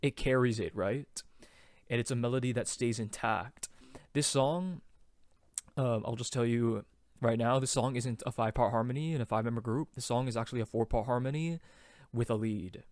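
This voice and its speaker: A man walks through a song's vocal harmonies in a loose, chatty tutorial, full of fillers and restarts. His medium-pitched, darkish voice moves at normal speed, recorded dry with clean studio sound.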